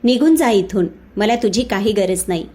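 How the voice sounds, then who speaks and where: A woman's voice: medium pitch, lively intonation, moderate pace, close to an everyday voice. An angry scolding young husband, as a woman reads him out. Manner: shouting, accusing.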